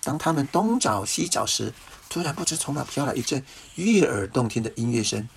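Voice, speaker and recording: A man reads a fairy tale aloud to a child in a gravelly voice. He stops now and then to ask the listener questions. A faint hiss sits under the recording. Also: medium pitch, big pitch swings, a little fast. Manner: gently asks the listener questions. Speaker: storyteller. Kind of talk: reading a story aloud to a child.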